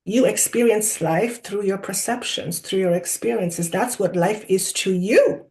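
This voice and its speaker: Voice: medium pitch, darkish tone, lightly acted. A person trance channeling oracular spirit guides, seance-medium style. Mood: emphatic, instructive. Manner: deliberate, oracular, rhetorical questions, emphatic drawn-out words. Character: channeled collective of wise, instructive spirit guides. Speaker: channeler speaking as a council of spirits.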